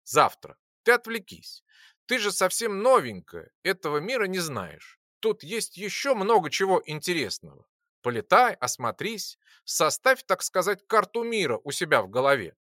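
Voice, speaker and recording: A narrator voicing a calm, ironic male alchemist who lectures patiently in an audiobook. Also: high-pitched, normal speed, dry recording, studio quality, voice pushed up, heavily acted. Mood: wry. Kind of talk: audiobook character voice.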